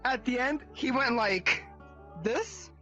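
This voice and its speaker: Bright-voiced excitable storyteller. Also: high voice, slow pace, dull audio, soft background music. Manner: excitable, swears, repeats "right?". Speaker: visitor telling a story. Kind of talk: animated storytelling. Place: social VR world over voice chat.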